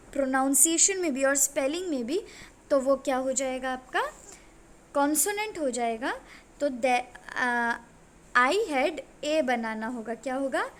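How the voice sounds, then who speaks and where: A woman teaching an English grammar lesson, reading rules aloud and then explaining them with questions to her students. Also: sits high.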